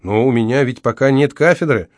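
A gentle young divinity student, as a male narrator reads him, speaking softly and kindly. His pitch sits in a middle range. The recording is close and dry. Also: a little fast, dry recording, natural voice. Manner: soft, kindly.

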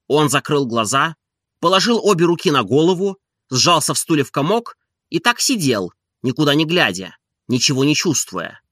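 A man narrating an audiobook in an expressive, animated reading style. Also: on the high side, normal speed, no room sound, studio quality.

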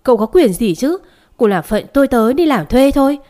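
Old servant woman, poor and timid, stammers when upset, protective, as read by a woman narrator. Pitch a touch higher, louder. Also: expressive, brisk, close to an everyday voice. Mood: indignant. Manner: stammering, scolding outburst.

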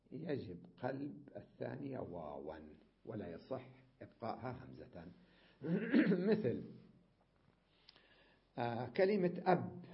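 A man with a gravelly, rough edge to his voice gives a grammar lesson. He works through each example methodically, repeats the forms and poses questions to his listeners. The recording is muffled and lo-fi. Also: medium pitch. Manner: clears his throat often. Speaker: sheikh teaching Arabic grammar. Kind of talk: classroom grammar lesson reading and explaining a text. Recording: dull lo-fi lecture recording.

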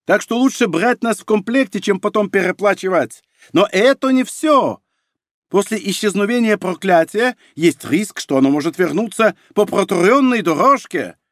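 A man's voice: sits high, very animated, normal speed, no echo, clean studio sound, pitched above the performer's own voice. A man voicing a boastful, lying French chatterbox with a glib sales patter, in an audiobook. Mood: hustling.

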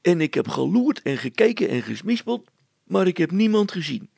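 A man voicing an eager young village man who tells his story in a breathless, excited rush. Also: sits high, moderate pace, gravelly, slightly rough, no room sound, voice pushed up, heavily acted.

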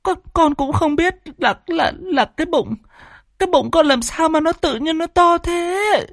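A man's voice: very high-pitched, expressive, unhurried, fairly bright tone, no echo, studio quality, pitched above the performer's own voice, full character voice. A man voicing a frightened pregnant teenage girl who stammers and pleads in a horror story. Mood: pleading.

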